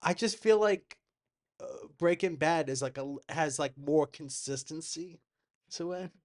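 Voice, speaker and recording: Playful man with a slightly high voice. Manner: playful, quick-witted, rambling. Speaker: podcast guest, real estate agent. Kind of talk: casual chat.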